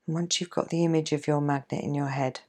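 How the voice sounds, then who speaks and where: A woman coach leading a guided relaxation exercise in a gentle, soothing, measured way, leaving pauses between phrases. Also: sits low, fairly even intonation. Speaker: coach and podcast host.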